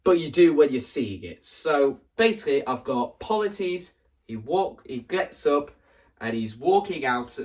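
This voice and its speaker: A content creator with a high-ish, sing-song, darkish voice gives a rambling vlog about staging a musical at a measured pace. He acts out scenes and quotes lines as he describes the production, animated and explanatory, recorded on a distant mic.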